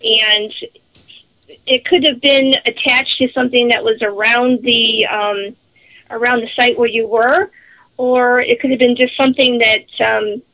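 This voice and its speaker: A woman guest talking casually on a radio interview, halting as she searches for words. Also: a little high, fairly even intonation, pushed and bright, low-quality recording. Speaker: psychic medium guest on radio show.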